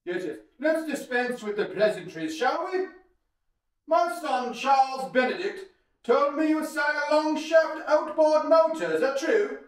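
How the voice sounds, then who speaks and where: A man's voice: very high-pitched, animated, a little slow, voice pushed up. A man putting on a posh, pompous caller on speakerphone. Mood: haughty. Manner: haughty, brusque, posh. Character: pompous wealthy older yacht-club man. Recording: echoey distant speakerphone sound.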